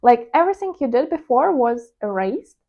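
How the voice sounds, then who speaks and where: A very animated woman speaks at a moderate pace in a rather high voice, captured on a muffled recording. She is a native Ukrainian speaker and a trading vlogger with a Ukrainian accent, sharing a reflective, confessional monologue with her viewers and sometimes pausing on a hesitant "uh."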